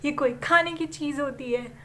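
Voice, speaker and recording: A woman voicing an angry mother who loudly scolds her son in a told story. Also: sits high, moderate pace, pitched above the performer's own voice. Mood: angry shouting. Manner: loud, shocked scolding. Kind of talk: oral storytelling.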